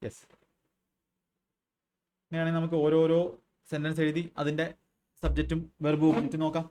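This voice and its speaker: A man's voice: a little high, monotone, fairly quick, warm tone. A man with a Malayali accent teaching an exam-prep English grammar lesson, asking and answering his own questions and repeating key words.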